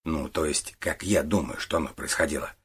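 A man reading a calm, probing detective. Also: extremely low pitch, brisk, breathy edge, full character voice. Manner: patient, probing questions. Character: calm, methodical middle-aged male detective. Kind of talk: audiobook character voice.

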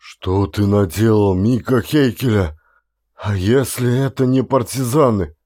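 A stern corporal speaks in a firm, commanding tone with a fairly low voice, as a male narrator reads him in an audiobook. The sound is close and dry. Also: measured pace, warm tone, no room sound. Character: steady, stern army corporal. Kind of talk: audiobook character voice.

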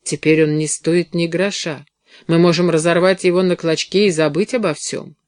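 A man's voice: on the high side, fairly even intonation, moderate pace, clear, resonant tone, no echo, clean studio sound, close to an everyday voice. A man reading an audiobook, voicing a greedy, nervous male business partner who speaks in a strained, stammering way.

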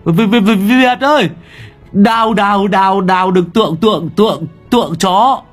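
A man's voice: sits high, normal speed, faint music behind, pitched above the performer's own voice. A man voicing a chubby, frightened young man who stammers and pleads in an audio storybook. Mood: panicked.

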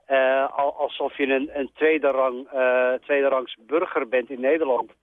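A middle-aged man calling in to a radio show by phone, talking very hesitantly with many pauses and filler sounds. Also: mid-range voice, fairly even intonation, dry recording. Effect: phone line. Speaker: radio call-in caller. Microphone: telephone. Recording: narrow tinny phone line.

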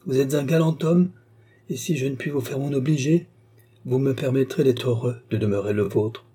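A man's voice: mid-range voice, normal speed, dark tone, breathy edge, voice pushed up, close to an everyday voice. A man voicing a proud cardinal in an audiobook, speaking haughtily and often in a murmur. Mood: haughty. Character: proud, wondering older male cardinal.

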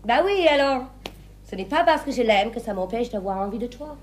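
Farce ingénue: actress as a high-voiced, breezy flirt. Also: female voice, animated, fairly quick, lightly acted. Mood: flirtatious. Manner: breezy, matter-of-fact teasing. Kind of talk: filmed stage farce acting.

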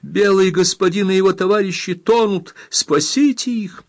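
A man's voice: medium pitch, normal speed, a bit bright, pitched above the performer's own voice. A man reading aloud, voicing a brave young woman with a raised, urgent, pleading voice in an audiobook.

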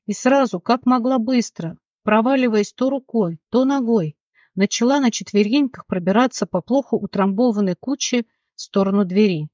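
A narrator reading a fantasy novel aloud, steady and dramatic, in a mid-pitched voice. The recording is close and dry, with a slightly dull, muffled top end. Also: normal speed, no echo. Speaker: audiobook narrator.

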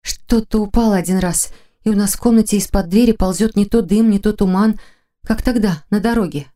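Audiobook role: a tense, protective young woman, read by the narrator, hushed and warm-toned. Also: mid-range voice, fairly quick, lightly acted. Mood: urgent. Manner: hushed, urgent. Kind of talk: audiobook character voice.

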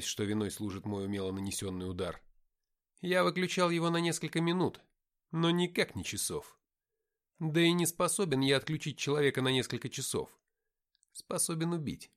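A man narrating an action novel in the first person, reading expressively. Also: on the high side. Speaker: audiobook narrator.

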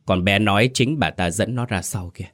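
A man voicing a suspicious village neighbor who talks in a hushed, accusing way, in a deep voice. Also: brisk, lightly acted. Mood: whispering suspicion.

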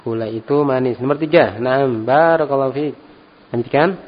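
A middle-aged man leads a class, easygoing and encouraging, often tagging his phrases with a soft "ya". His voice sits at an everyday middle pitch. The recording is dull and muffled, with a long hall reverb and a faint hum of room noise behind him. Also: moderate pace. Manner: relaxed and encouraging, tags phrases with "ya". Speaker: Arabic teacher, religious instructor. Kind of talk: classroom lesson.

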